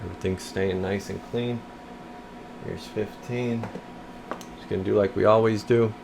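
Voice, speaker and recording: Heavy background noise surrounds a man with a lowish, gravelly voice whose intonation stays fairly even and whose pace is a little slow. He runs a radio repair and test video channel and talks viewers through his work step by step in a casual demo, at times half muttering to himself.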